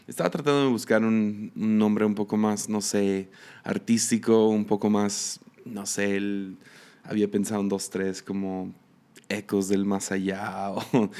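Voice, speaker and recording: A man's voice: fairly low pitch, gravelly, darkish tone, clear, resonant tone. A man in his thirties with a Mexican Spanish accent, hosting a solo podcast in a casual, hesitant way with many fillers and restarts. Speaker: podcast host and missionary.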